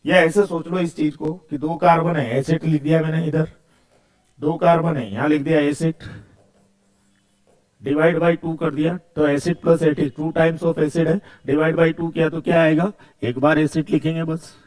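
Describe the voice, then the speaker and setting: A male chemistry teacher, speaking in a somewhat high voice. He keeps asking questions and answering them himself, repeating key words as he goes. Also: flat delivery, unhurried, darkish tone. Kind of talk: video lecture.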